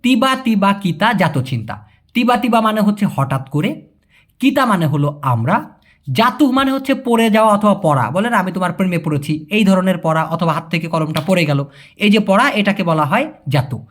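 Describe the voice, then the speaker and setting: A young Bangladeshi man works as a language teacher, casually teaching Malay and answering viewer questions. He's chatty and animated with a high voice, and he repeats key words slowly.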